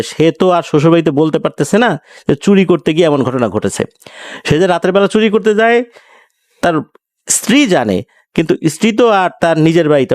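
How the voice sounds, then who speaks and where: A man telling a reader's ghost story in a casual, conversational way, pausing with drawn-out fillers. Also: on the high side, no echo, studio quality.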